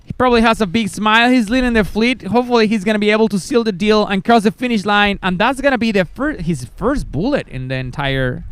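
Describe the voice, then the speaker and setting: A man's voice: high-pitched, quick pace, few pauses, a bit bright, smooth, no echo. A man giving live race commentary, eager and chatty, with many fillers and restarts.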